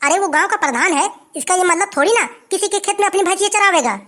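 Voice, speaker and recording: A performer voicing an angry old farmer in a who shouts complaints and threats. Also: very high voice, quick pace. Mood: angry complaining. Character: grumpy old village man, angry farmer.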